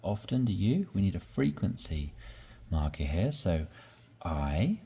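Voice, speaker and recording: A man teaching English, slowly explaining sentence patterns and repeating examples with patience. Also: low voice, very animated, dark tone, husky. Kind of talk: slow explanatory lesson.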